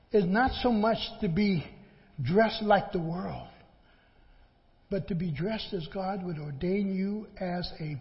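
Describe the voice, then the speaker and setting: A man preaching a sermon in a lecturing, admonishing manner, repeating phrases and asking rhetorical questions. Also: high-pitched. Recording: muffled, in a large reverberant hall.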